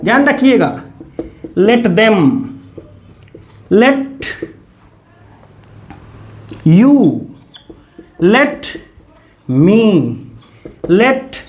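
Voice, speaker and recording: Lively, emphatic male grammar teacher. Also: very high-pitched. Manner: emphatic, drills examples by repeating them; addresses listeners casually as brother. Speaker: English teacher. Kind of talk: spoken English grammar lesson.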